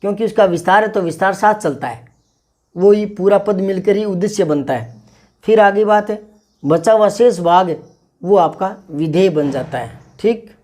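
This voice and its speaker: A man's voice: sits high, moderate pace, darkish tone. A man teaching a grammar lesson for exam prep, explaining step by step and often checking that students follow. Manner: explanatory, repeats "ठीक है ना" to check understanding.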